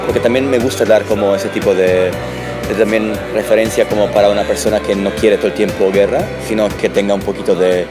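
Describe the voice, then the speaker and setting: A man born in Italy, a musician answering interview questions in a halting, thoughtful way with many restarts. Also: lowish voice, steady tone. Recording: loud music behind. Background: loud music.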